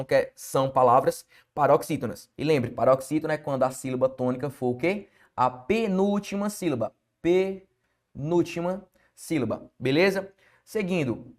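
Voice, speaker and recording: Brazilian male teacher, somewhat high-pitched, emphatic quiz-style exam-prep delivery. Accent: Brazilian Portuguese. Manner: emphatic, quizzing the viewer with rhetorical questions. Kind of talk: exam-prep grammar lesson.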